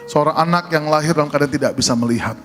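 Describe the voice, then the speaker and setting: A man's voice: on the high side, fast talker, a bit bright, soft background music. A man, a pastor, telling a humorous testimony to his congregation. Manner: humorous storytelling, addressing congregation. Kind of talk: sermon testimony.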